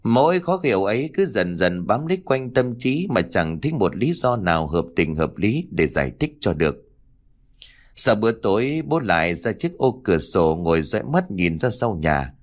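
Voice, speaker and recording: A man narrating a spooky family story in an expressive, dramatic storytelling style. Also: on the low side, moderate pace. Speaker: audiobook narrator.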